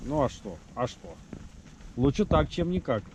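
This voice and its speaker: A man with a mid-range voice talks casually to his camera as a fishing vlogger. His speech is colloquial and grumbling, with mild slang curses. Clear outdoor noise and wind on the mic sit behind him. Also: medium pitch, big pitch swings, normal speed. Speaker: host of an ice-fishing vlog. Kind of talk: casual vlog chat to camera while fishing. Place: windy frozen outdoors, in and around a fishing tent.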